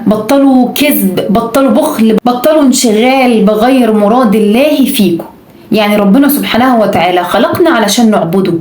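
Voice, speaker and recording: A woman's voice: a little high, a little mellow, echoey room. A woman with an Egyptian Arabic accent gives a religious exhortation, urging her listeners emphatically and repeating her points. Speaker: religious speaker.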